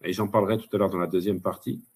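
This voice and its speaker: A man's voice: low voice, fairly even intonation, quick pace, darkish tone, slightly rough. A man speaking as a guest expert on a webinar, chatty and emphatic, with frequent fillers. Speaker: guest expert, hypnotherapist and pharmacist. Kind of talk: casual webinar talk.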